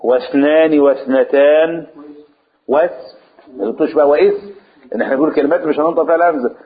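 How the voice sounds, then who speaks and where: Egyptian male Quran teacher, slightly high husky voice, drawn-out recitation, lo-fi phone-like sound. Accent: Egyptian Arabic. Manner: explanatory, slow drawn-out recitation then fast asides. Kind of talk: religious lesson in Egyptian Arabic.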